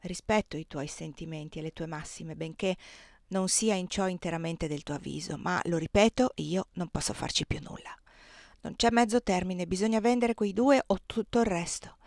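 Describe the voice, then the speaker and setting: A woman voicing a troubled middle-aged plantation owner who speaks in a low, subdued, reluctant way, in a dry recording. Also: moderate pace, hardly any pauses, a little mellow, no echo, close to an everyday voice. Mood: resigned.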